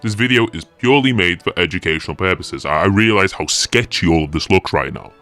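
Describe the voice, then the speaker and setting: A man voicing a deadpan disclaimer announcer in a mock-serious tone. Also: sits low, brisk, soft background music, voice pushed down.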